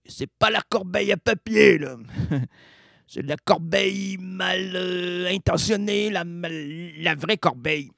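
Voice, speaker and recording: A man's voice: high voice, unhurried, creaky, a bit bright, dry recording, studio quality. A man with a Québécois accent hosting a late-night radio show, rambling playfully and correcting himself as he goes. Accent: Québécois French. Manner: playful, digressive, constantly self-correcting. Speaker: radio host. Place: radio studio.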